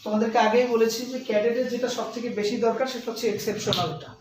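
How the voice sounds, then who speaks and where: Bengali-accented male English tutor, slow repetitive explanations, distant mic in an echoey room. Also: very high-pitched, fairly even intonation. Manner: explains slowly, repeats words, stretches English terms aloud. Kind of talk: classroom grammar lecture. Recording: echoey room, voice from afar, faint noise.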